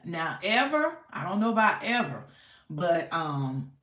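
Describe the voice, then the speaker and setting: Over echoey, roomy audio, a livestream host from the United States talks with her viewers, full of folksy warmth, repeated thanks, and affirmations. Her fairly low voice is very animated and a bit bright, though she keeps a measured pace.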